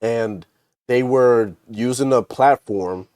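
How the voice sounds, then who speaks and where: A man co-hosting a casual podcast discussion at a middle pitch, his voice close and dry with no room sound. He talks in an animated way and now and then slips into mocking impressions. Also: slow pace, dry recording. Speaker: podcast co-host.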